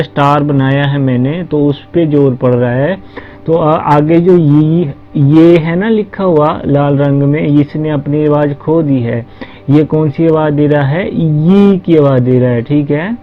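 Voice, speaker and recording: A man teaching a language lesson, patient and step by step, asking questions and answering them himself. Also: a little high. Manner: patient, repeats "ठीक है", asks and answers his own questions. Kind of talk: slow spoken language lesson. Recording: dull lo-fi recording with faint music.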